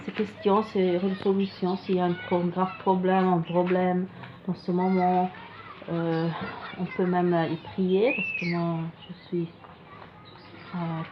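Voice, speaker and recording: Woman w foreign accent in french, not native, talking super slow n halting about cards, kinda muffled lofi audio. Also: fairly low pitch, level tone. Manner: halting, searching for words, non-native phrasing. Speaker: card reader presenting a card deck. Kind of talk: casual improvised explanation to viewers. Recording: dull lo-fi sound with faint noise.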